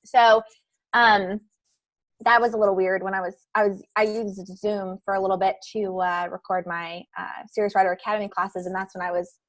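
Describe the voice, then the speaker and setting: Speaking with a flat delivery, a mid-range voice, and a moderate pace, a podcast guest joins an online meeting. She explains casually how to get a podcast going, wandering a bit and often groping for words.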